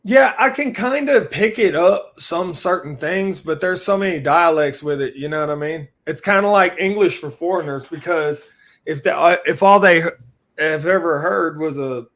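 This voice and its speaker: On a relaxed podcast, this Louisiana man, who co-hosts the show, rambles easily in his Southern US accent and keeps tossing in "you know what I mean." He speaks at a moderate pace in a voice that's on the high side and a bit bright.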